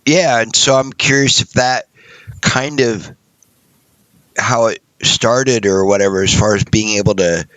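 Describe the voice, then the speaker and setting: A man's voice: fairly low pitch, fairly even intonation, measured pace, fairly bright tone, no echo. A man co-hosting a casual podcast, talking in long rambling sentences full of hedges. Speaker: podcast co-host.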